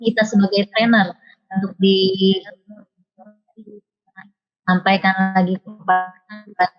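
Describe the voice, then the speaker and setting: A woman's voice: medium pitch, little pitch movement, very slow, soft background music. Woman on a choppy, breaking-up call. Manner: formal, with frequent hesitant fillers. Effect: choppy call audio breaking up. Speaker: teacher and soft-skills trainer. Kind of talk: formal testimonial over an online call. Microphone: video call. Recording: dull lo-fi online call audio.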